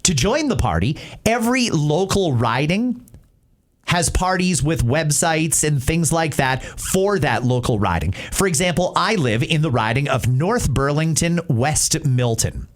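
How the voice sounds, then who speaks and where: A Canadian-accented talk show host answers listener messages on talk radio, offering emphatic, plain-spoken opinions conversationally. His voice is on the high side and animated, at a measured pace.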